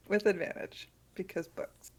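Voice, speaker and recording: A woman running a tabletop game as game master, laughing often and talking in a relaxed way.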